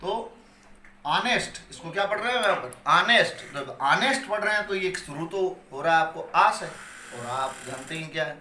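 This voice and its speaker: Speaking at a moderate pace, this man's slightly high voice is expressive, pushed and bright. He lectures a class on English grammar in Hindi with Hindi-accented English terms, patiently repeating key points and answering his own questions; the room is echoey with faint background noise.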